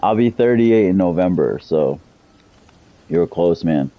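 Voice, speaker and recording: A man in his thirties chats loosely with viewers while he plays, swearing often. His voice sits very low. The stream audio is a bit dull and lo-fi. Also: animated, measured pace, no room sound. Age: 30s. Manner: profane, loose, chatty with viewers. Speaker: game streamer. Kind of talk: casual live-stream chat.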